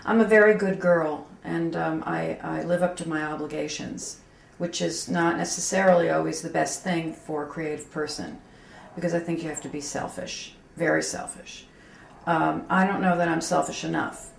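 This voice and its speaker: In a candid, reflective interview, a fifty-something graphic designer talks frankly and runs herself down, peppering her speech with fillers and restarts. Her voice sits low with vocal fry, holds a steady tone, and keeps a normal speed. Echo and a faint hum fill the room.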